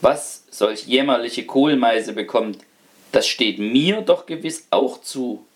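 A man's voice: mid-range voice, slow pace, natural voice. A sly old rat pleads its case with exaggerated politeness and self-pity, as a male storyteller puts it on. Its tone is mannerly and falsely solemn, the voice of a fable creature.

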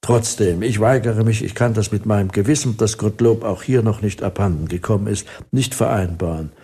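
A man's voice: on the low side, a little fast, warm tone, breathy edge. A man voicing a timid young male doctor who hesitantly protests, in an audiobook reading. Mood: protesting.

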